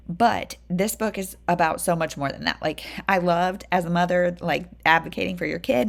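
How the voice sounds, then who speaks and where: Book vlogger lady, low-ish gravelly voice, chatty and excited, says um and like a lot. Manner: chatty, enthusiastic, lots of fillers. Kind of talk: casual book review chat.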